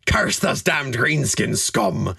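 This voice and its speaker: A man hamming up a gruff pirate-voiced squat lord. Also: fairly high pitch, wildly swooping pitch, measured pace, pushed and bright, no room sound, studio quality, voice pushed up, heavily acted. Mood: angry. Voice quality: mock-Scottish pirate brogue, hammy.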